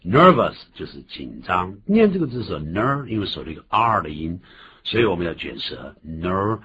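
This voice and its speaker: Very deep-voiced man teaching English, animated. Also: moderate pace. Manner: animated explaining, jumps high in pitch for emphasis. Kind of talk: bilingual radio English lesson. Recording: dull lo-fi recording with faint hiss.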